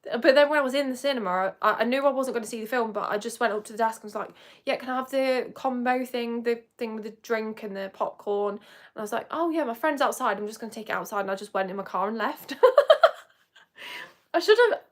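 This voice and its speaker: A young woman hosts a beauty livestream from home, chatting casually with viewers in a rambling, giggly way. Her fairly high voice is animated and a little fast, picked up by a phone or webcam mic indoors.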